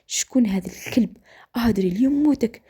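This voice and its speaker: A man's voice: very high-pitched, fast talker, dark tone, breathy edge, heavily acted. A woman voicing a furious, jealous young husband with an Algerian accent, accusing and threatening.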